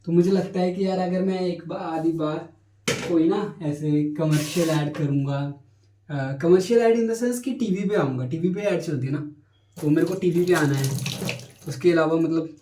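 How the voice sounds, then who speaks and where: A man's voice: on the high side, moderate pace, noisy background. A man in his twenties talking casually about his dreams in a personal vlog, reflective and full of fillers, dropping in English phrases. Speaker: vlogger. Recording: echoey room.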